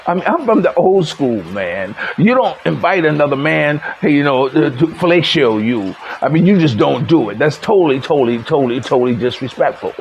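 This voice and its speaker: A man with a gravelly, slightly high voice talks to camera in a loose, rambling vlog. He circles back with fillers and restarts and laughs at his own tales. A faint hiss of background noise sits under him. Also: lively intonation, fairly quick, few pauses, rough recording. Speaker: vlogger. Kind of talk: casual storytelling monologue. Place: living in the Philippines.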